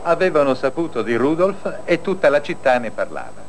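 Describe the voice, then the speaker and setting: A man narrating a children's cartoon tale as an expressive storyteller. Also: fairly high pitch, fairly quick. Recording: old noisy film soundtrack.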